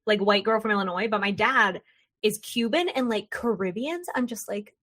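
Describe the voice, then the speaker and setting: A young woman hosting a podcast, chatty and animated, drifting into tangents and acting out quick voices. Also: mid-range voice. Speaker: podcast host. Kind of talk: casual podcast conversation.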